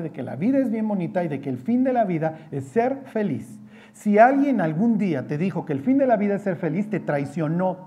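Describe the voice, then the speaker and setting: High-voiced, mellow preacher. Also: male voice. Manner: colloquial and joking, asks "¿ok?" often. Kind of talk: humorous Bible-study sermon.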